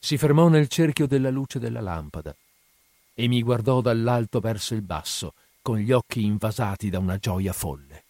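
A man's voice: mid-range voice, lively intonation, moderate pace, dark tone, dry recording. Man reading a grim tale, dry. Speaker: narrator. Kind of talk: first-person audiobook narration.

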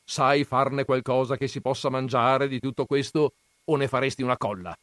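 A man voicing a gruff, domineering old grandfather in a read-aloud story, loud and declaiming. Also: mid-range voice, fairly even intonation, moderate pace, no echo, studio quality, pitched above the performer's own voice, natural voice. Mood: gruff, commanding.

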